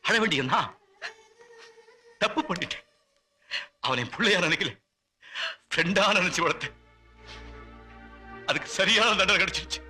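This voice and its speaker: A bitter dad, quiet, lively pitch swings, tense bright voice. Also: male voice, moderate pace, long pauses, faint music behind, heavily acted. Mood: bitter resigned. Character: bitter, wounded middle-aged father disowning his son.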